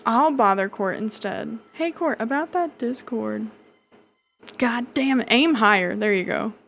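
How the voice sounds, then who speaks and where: A woman's voice: on the high side, unhurried, gravelly, fairly bright tone, faint music behind. A woman live streamer chatting casually and jokingly with her chat while she plays a video game, swearing freely.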